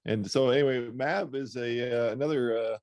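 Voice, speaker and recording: A man co-hosting a casual podcast, talking easily and hesitantly with lots of pauses. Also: medium pitch, a little mellow, no echo. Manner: easygoing, hesitant with frequent uh fillers. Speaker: podcast co-host. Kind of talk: casual chat.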